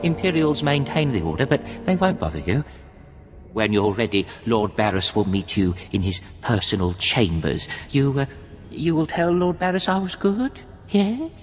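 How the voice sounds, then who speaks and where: A man's voice: mid-range voice, animated, normal speed, close to an everyday voice. A man playing a simpering, fawning slave. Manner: servile, simpering, eager to please. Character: fawning cringing male slave servant.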